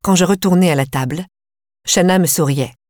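A woman reads a first-person audiobook in a calm, measured way. Her voice sits low. The recording is close and dry, with no room sound. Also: dry recording. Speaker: audiobook narrator.

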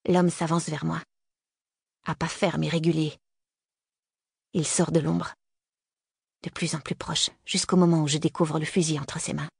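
Woman, audiobook narrator, first-person, tense, gravelly, husky. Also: sits low, a little slow, pauses often, no echo, studio quality. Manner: tense, breathless first-person telling, lively in dialogue.

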